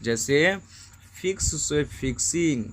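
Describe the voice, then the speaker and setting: A man with a Bihari accent teaching grammar rules, speaking in a slow, methodical way and repeating each example word twice. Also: fairly high pitch, animated, fairly bright tone, slight background noise. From India. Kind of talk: explaining grammar rules to students.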